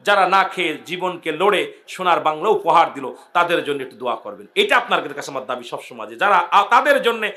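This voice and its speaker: High-pitched fervent preacher man. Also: animated, brisk. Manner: call-and-response, urging the crowd to shout back; impassioned, swinging between loud cries and hushed pleading. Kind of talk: fervent sermon at a religious gathering.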